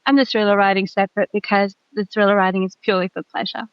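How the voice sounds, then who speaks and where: A woman's voice: mid-range voice, fairly even intonation, fast, smooth, no room sound, lo-fi sound. Australian woman in her fifties, chatty guest. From Tasmania, Australia. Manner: thoughtful, self-deprecating, many fillers. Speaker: guest author. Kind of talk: casual interview chat.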